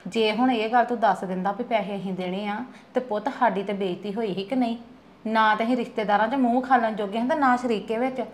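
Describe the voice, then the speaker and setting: A woman's voice: on the high side, steady tone, quick pace, close to an everyday voice. A woman playing a worried middle-aged village mother who lectures her son. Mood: chiding. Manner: chiding, lecturing. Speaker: actor. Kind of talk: family drama skit.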